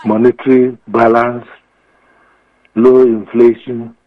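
Slow-speaking Ghanaian man, muffled echoey sound. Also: mid-range voice, little pitch movement. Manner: emphatic, repetitive, explanatory. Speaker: expert guest. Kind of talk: radio interview commentary. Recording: muffled, echoey radio feed.

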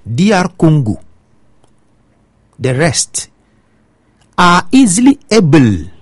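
A man's voice: on the high side, darkish tone, no echo. A man from Ghana with a Ghanaian accent, giving opinionated football commentary and pressing his point with emphatic rhetorical questions. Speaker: football pundit.

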